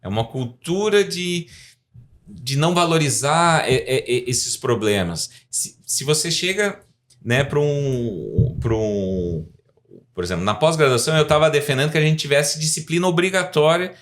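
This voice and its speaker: A Brazilian professor and scientist in his forties, a guest on a podcast, explains things in a rambling way and keeps adding tag questions. He speaks with a Brazilian Portuguese accent. His voice is on the high side, a bit bright, with lively intonation at a normal speed.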